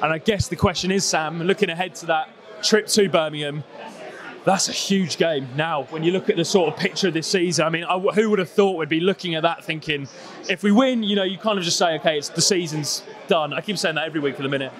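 High young male host on a handheld mic; leads a relaxed football chat with questions. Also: quick pace. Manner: steers the talk with questions to guests. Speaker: podcast host. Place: small studio set with a painted wall backdrop.

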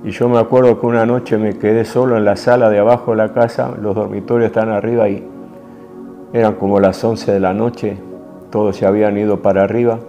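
Gravelly River Plate preacher man. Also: on the low side, level tone, a little fast, lo-fi sound, soft background music. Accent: Rioplatense Spanish. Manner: intimate, emotional preaching that swings between soft hushed passages and forceful rises. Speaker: apostle preaching. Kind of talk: sermon.

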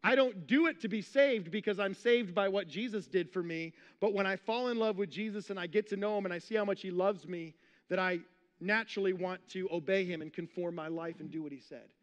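A man's voice: sits high, a little fast, big-room sound, muffled recording. A male pastor preaching a sermon, telling stories casually and then building to emphatic, repeated points. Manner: conversational storytelling, builds to emphatic repetition. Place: church sanctuary.

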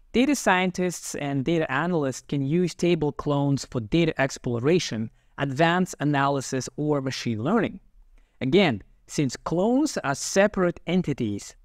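Man calmly walking through a software tutorial. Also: on the high side, no room sound, studio quality. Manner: calm and methodical, talks through each step as he types. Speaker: software instructor. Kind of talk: screen-recorded tutorial narration.

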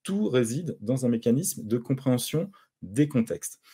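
A man with a dark, mellow voice presents at a conference, walking through his slides. He explains things patiently, often pausing and restarting his sentences. He sounds middle-aged, a native French speaker lecturing to an audience. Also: mid-range voice, very animated, husky. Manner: explanatory, with frequent hesitations and restarts.

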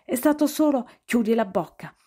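A woman voicing an angry, protective young man who shouts in an audiobook. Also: on the high side, lively intonation, takes it slowly, voice pushed up, exaggerated voice. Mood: angry shouting. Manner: shouting, urgent.

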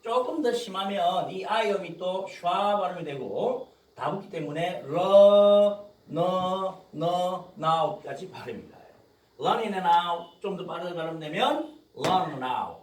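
A man teaching an English pronunciation lesson to students, modeling phrases slowly and explaining quickly. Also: high voice, lively intonation, distant mic. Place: classroom with students. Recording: echoey room, voice off-mic.

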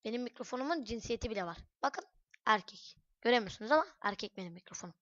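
A woman giving chatty let's-play commentary on a headset mic at home, cursing and breaking into loud shouts. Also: fairly high pitch, expressive, quick pace, dry recording, muffled recording. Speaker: gaming channel host. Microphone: headset microphone.

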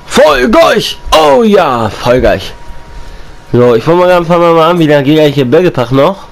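Playing a console game and talking about it casually, the young man, a gaming YouTuber, sounds slightly congested from a cold. His voice runs on the high side, and he keeps repeating and rhyming his lines amid excited outbursts while he plays.

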